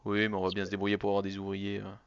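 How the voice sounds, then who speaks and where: A man's voice: on the low side, monotone, rapid-fire, clear, resonant tone, no room sound, dull audio. A man streaming a strategy game, muttering calculations to himself between jokey asides. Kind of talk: casual let's-play commentary.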